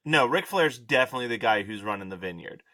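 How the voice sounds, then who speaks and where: A man's voice: medium pitch, expressive, fast talker, bright, forceful tone. A man guesting on a podcast, bantering playfully about a movie in casual chat.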